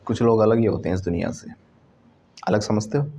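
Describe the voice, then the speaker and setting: A male teacher with an Indian accent gives a classroom lesson in a mix of Hindi and English, slowly repeating words for students to copy. His voice is lowish and mellow, with vocal fry.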